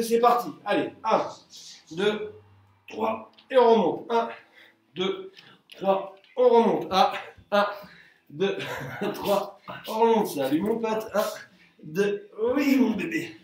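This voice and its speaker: A man teaching a relaxed live workout class at home, counting reps aloud and joking with viewers. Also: sits high, a little hiss or hum. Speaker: Krav Maga instructor. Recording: echoey room, from far off.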